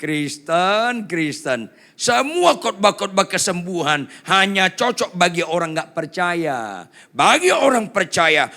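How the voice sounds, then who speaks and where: A male pastor preaching a lively sermon, swinging between loud cries and hushed asides while urging the congregation to answer louder. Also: a little high. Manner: quizzes the congregation and urges them to answer louder.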